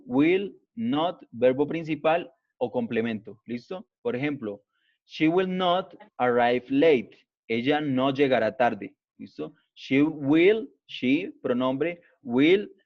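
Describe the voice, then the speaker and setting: A male teacher giving an online grammar class, explaining slowly and patiently and checking in after each point. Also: mid-range voice. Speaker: English teacher. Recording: dull lo-fi online class audio.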